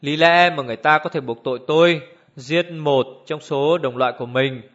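A man plays a rigid, prim older woman with an ice-cold manner. The voice stays slightly high and controlled. The recording is dull and lo-fi. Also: normal speed, a bit bright, lightly acted. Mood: icy. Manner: icy, prim.

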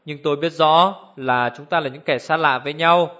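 A man's voice: on the high side, moderate pace, pushed and bright. A man doing an icy, prim older woman. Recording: dull lo-fi recording.

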